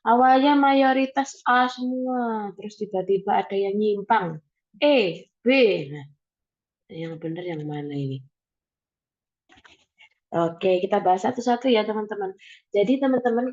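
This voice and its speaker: A woman's voice: medium pitch, mellow, lo-fi sound. A young woman tutoring math over a video call, explaining patiently step by step with many "nah" and "oke". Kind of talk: online math tutoring session.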